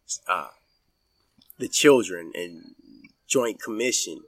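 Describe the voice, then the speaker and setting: A man in his forties giving his opinions in a casual podcast chat, halting with many fillers and restarts. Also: low-pitched, expressive, a bit bright, no echo, recorded from a distance. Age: 40s. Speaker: podcast guest.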